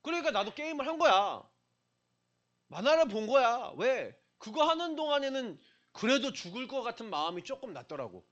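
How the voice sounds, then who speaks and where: A man's voice: very high voice, very animated, moderate pace, fairly bright tone, highs cut off. A middle-aged man preaching to young people in a church, talking casually and putting questions straight to his listeners. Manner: conversational, questions the listeners directly. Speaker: pastor.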